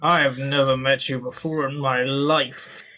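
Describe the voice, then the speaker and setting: A man's voice: mid-range voice, flat delivery, unhurried, sharp tone, faint music behind, poor audio. A man playing a tabletop game, casually describing actions and speaking in character. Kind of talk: casual in-character role-play.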